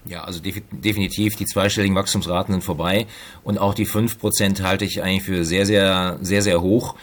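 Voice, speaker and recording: Measured, low-voiced male expert. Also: steady tone. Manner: measured, analytical, with frequent hesitations. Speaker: economics professor, interview guest. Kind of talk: expert interview answers.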